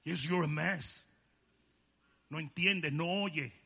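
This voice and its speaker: A male preacher giving an emphatic sermon, often shouting and joking with the congregation. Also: fairly high pitch, takes it slowly, creaky, slightly rough, big-room sound.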